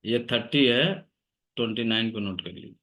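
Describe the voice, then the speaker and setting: Male acupressure teacher, low voice, measured dictation for students taking notes. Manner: dictates point names slowly, steady instructive tone. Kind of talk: online class lecture.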